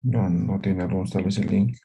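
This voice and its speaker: A man's voice: low voice, fairly even intonation, normal speed, dark tone, a little hiss or hum. A man teaching an online language class over a video call, who checks in often with short questions.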